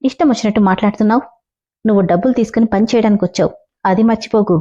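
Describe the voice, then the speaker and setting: A woman's voice: medium pitch, very fast, dark tone, dull audio, natural voice. A woman voicing an indignant, hot-tempered young wife who speaks bluntly. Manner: blunt, exasperated.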